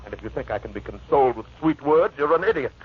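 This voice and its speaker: A man acting in a radio drama as a brooding, vengeful lover, husky, sardonic and scoffing. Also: medium pitch, expressive, fast. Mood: contemptuous menace. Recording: muffled vintage radio recording.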